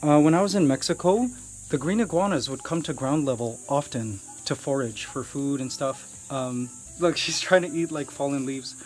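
A man's voice: mid-range voice, moderate pace. Chatty man showing off an outdoor pet pen. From Canada. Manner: chatty, explaining to viewers while handling pets. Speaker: vlogger. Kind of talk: casual vlog walkthrough. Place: outdoor animal enclosure.

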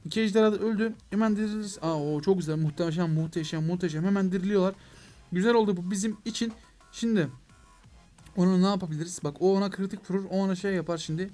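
A young man giving excitable let's play commentary on a mobile game, talking to his viewers and to the game, with mock frustration when things go wrong. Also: sits high, fast, soft background music. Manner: excitable, addresses viewers as "gençler". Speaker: gaming YouTuber.

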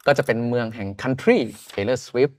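A man's voice: mid-range voice, big pitch swings, slow, a little mellow. A man from Thailand in his thirties, a podcast guest chatting casually in loose, slangy talk. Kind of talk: casual chat.

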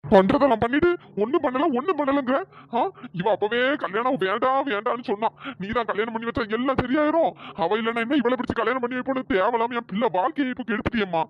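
A voice actor voicing a stern middle-aged cartoon father who reproaches his family, with a pitch-shifted voice. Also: fast. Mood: blaming. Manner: reproachful, lecturing. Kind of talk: cartoon storytelling dialogue. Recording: dry, dull lo-fi sound.

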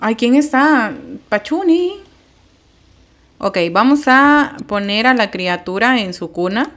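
Female let's-play host, higher pitch, chatty, jumpy and prone to shrieking. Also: lively intonation, takes it slowly, a bit bright. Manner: chatty, easily alarmed, shrieks at scares. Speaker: gameplay commentator. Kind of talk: casual let's-play commentary.

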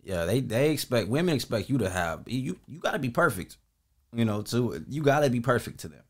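A man's voice: medium pitch, animated, brisk. A man in his twenties hosting a reaction video, talking in laid-back slang. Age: 20s. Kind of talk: casual reaction commentary.

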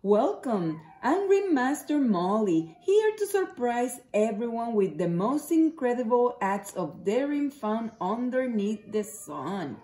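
A woman's voice: fairly high pitch, big pitch swings, slow, hardly any pauses, dark tone. A woman reading a picture book as a showy, welcoming girl circus ringmaster announcing her show. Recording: roomy home echo.

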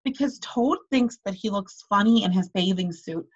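A woman's voice: mid-range voice, normal speed, slightly rough, lo-fi sound, close to an everyday voice. Woman voicing an earnest, friendly frog. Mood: polite, earnest. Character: friendly, helpful male frog, loyal and polite.

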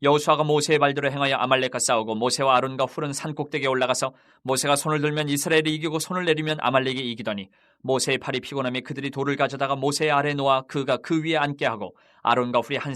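A man reads scripture aloud at a quick, unbroken pace. His delivery is steady and recited, and his voice sits at a middle pitch.

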